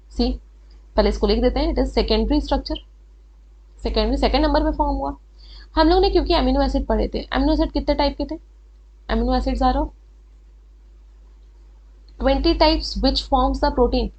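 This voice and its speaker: Indian woman, high-pitched, patient biology tutor who code-switches and slows down on key terms. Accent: Indian English. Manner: mixes Hindi and English, slows on key terms. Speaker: biology teacher. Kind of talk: whiteboard lesson explaining step by step.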